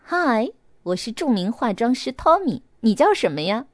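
A woman puts on a flamboyant male makeup artist in an audiobook, all high, swooping indignation. His voice leaps up and gets loud, and he sounds camp and easily offended. The recording is dry and close. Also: sing-song, normal speed, dry recording. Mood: teasing.

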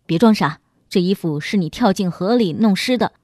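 A woman's voice: mid-range voice, lively intonation, normal speed, darkish tone, dry recording, clean studio sound, voice pushed down, close to an everyday voice. A woman voicing a brash young male police officer who barks out accusations, in a storybook reading. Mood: accusing. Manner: barking accusations.

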